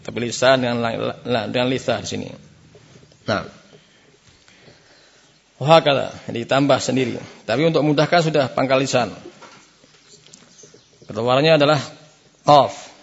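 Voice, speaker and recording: Guy teaching tajwid in a classroom, mid-pitched voice, gets everyone to repeat after him, kinda muffled recording. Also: vocal fry. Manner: demonstrates letter sounds and has the class repeat; chants verses slowly to show right and wrong. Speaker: Quran recitation teacher. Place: Islamic boarding school class.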